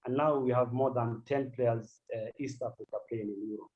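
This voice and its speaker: A man's voice: medium pitch, steady tone, normal speed. Kenyan man talking with a dull lo-fi sound. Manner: switches between English and Swahili, hesitant with many fillers. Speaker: sports agent. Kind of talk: casual interview.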